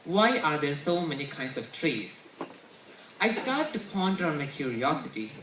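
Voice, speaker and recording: Teen boy from india reading his school speech, bright voice, roomy echo from a far mic. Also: a little high, a little hiss or hum. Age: teens. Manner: earnest, recited storytelling delivery. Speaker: student presenter. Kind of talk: scripted school presentation.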